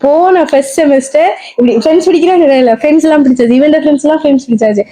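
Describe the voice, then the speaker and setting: A woman's voice: high-pitched, rapid-fire, mellow. A woman telling a story in casual chat as a podcast co-host, laughing often.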